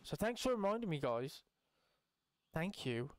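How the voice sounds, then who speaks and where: A young man giving casual, excitable gameplay commentary, chatting and swearing freely to his viewers. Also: fairly high pitch, unhurried, no echo. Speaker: gaming YouTuber.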